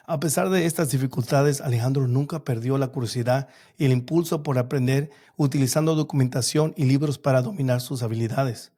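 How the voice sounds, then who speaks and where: A man's voice: mid-range voice, warm tone. A man hosting a podcast, reading introductions from a script and then asking questions with some hesitation. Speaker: podcast host.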